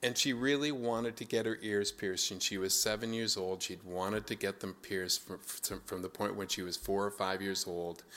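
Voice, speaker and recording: A man's voice: sits low, pushed and bright. A man preaching a sermon as pastor, telling a family story and then turning it into a reflective message. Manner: slow anecdotal storytelling that turns reflective.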